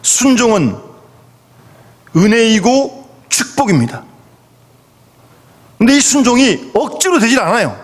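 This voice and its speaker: A man's voice: very high-pitched, very animated, a little slow, long pauses. A male pastor preaching a sermon emphatically, with rhetorical questions to the congregation. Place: church sanctuary. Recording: reverberant church hall.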